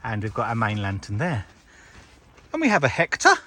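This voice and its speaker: A man's voice: medium pitch, wildly swooping pitch, normal speed, sharp tone, no room sound. A British man chatting casually and jokily through a camping vlog, showing off a tent. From United Kingdom. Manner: jokey, chatty, laughs often. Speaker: vlogger giving a tent tour. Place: inside a large tent at a campsite.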